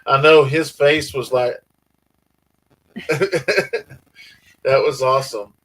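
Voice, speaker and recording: A man's voice: mid-range voice, steady tone, normal speed, a bit bright, poor audio. A man with a Southern US accent hosting a casual family-farm livestream, reading viewer comments in a laid-back drawl. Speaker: livestream host.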